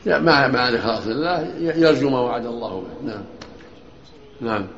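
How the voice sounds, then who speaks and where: A sheikh with a gravelly voice, pitched in the middle, teaches a hadith lesson. He breaks in often to question and correct the reader. The recording is dull and lo-fi. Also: lively intonation, fairly quick, a bit bright, a little hiss or hum. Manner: interrupts to query and correct readings.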